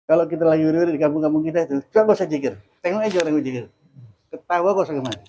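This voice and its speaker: A man's voice: a little high, very fast, warm tone, poor audio. A man teaching a religious study class in a chatty way, asking questions and repeating dhikr phrases.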